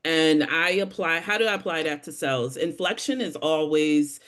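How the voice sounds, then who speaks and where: A woman sales rep telling stories with lively expression on a webinar panel over a video call. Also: deep voice, normal speed.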